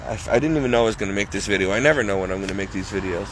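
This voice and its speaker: A man's voice: fairly low pitch, rapid-fire, a bit bright, a little hiss or hum, low-quality recording. A man vlogging outdoors in the cold, talking zealously and in a rambling way that keeps interrupting itself, and chilled from being out for hours. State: freezing cold. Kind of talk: casual religious vlog monologue.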